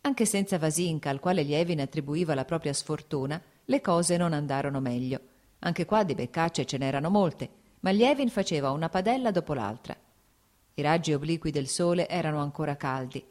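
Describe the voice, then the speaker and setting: A woman reading a classic novel aloud as an audiobook, steady and measured. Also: sits low. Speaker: audiobook narrator.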